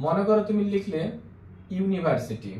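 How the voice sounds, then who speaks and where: A man teaching an English grammar lesson who keeps asking the class questions and then answers them himself, slowing down to spell out and repeat words. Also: sits high, lively intonation, darkish tone, echoey room, a little hiss or hum.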